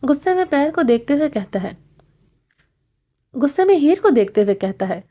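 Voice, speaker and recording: A young woman reading a romance novel aloud as an audiobook narrator, steady and storytelling, with occasional restarts. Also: high voice.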